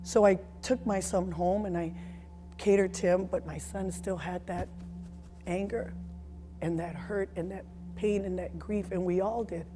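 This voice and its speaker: A woman in her forties giving a personal testimony as a mother, speaking in an earnest, emotional, halting way. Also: lowish voice, steady tone, music in the background.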